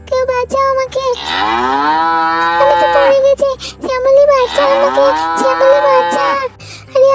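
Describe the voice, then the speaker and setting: Woman doing a squeaky mischievous little kid. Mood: panicked. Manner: high childish whining calls. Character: mischievous little child, playful and impatient. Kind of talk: storybook doll-story voicing.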